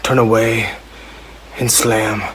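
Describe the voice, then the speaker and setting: A grim, brooding northern swordsman speaks through a voice filter, with a man putting on the voice. He recites slowly and gravely in an even register. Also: fairly low pitch, noisy background. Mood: solemn.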